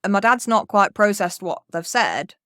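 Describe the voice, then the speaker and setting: This young woman speaks in a mid-range voice with lively intonation and a fairly bright tone, keeping a moderate pace. As a podcast co-host, she spins a rambling story about her childhood, swearing a lot and imitating what others said, recorded in echo-free studio quality.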